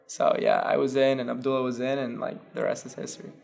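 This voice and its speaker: A man's voice: medium pitch, completely flat delivery, fast talker, creaky, a little mellow. A young man from Colombia talking casually in an interview, with many fillers. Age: young adult. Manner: casual, filler-heavy, upbeat. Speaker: student in the program. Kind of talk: interview testimonial.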